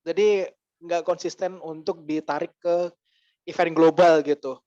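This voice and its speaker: Man, casual chat, animated ranting, quick asides, slightly muffled dry recording. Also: on the high side, dry recording. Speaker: podcast guest.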